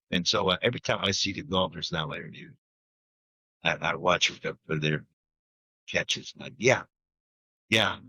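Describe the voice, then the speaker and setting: A man's voice: on the low side, sharp tone, no echo, low-quality recording. A man co-hosting a golf podcast, telling rambling stories in casual chat with frequent restarts. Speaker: podcast co-host.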